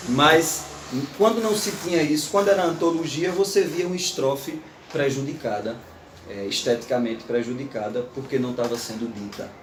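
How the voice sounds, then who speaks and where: A man's voice: medium pitch, moderate pace, reverberant, far from the mic, slight background noise. A man giving an informal, playful lecture to an audience. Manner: animated, playful, recites verse aloud.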